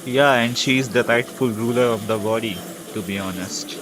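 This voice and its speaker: A man's voice: medium pitch, normal speed, noisy background. A man streaming a game, chatting casually and teasing the characters. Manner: chatty, mixing Hindi and English, teasing. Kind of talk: casual gameplay commentary. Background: game music.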